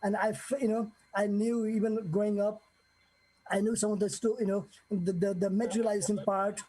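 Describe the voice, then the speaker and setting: A man speaks with a high, husky voice. His tone is mellow and unhurried, and he tells his story earnestly, pausing and restarting often as he searches for words. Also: flat delivery, poor audio. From Nepal. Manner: earnest, halting, many fillers and restarts. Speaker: guest sharing a devotee testimony. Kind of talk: casual spoken testimony.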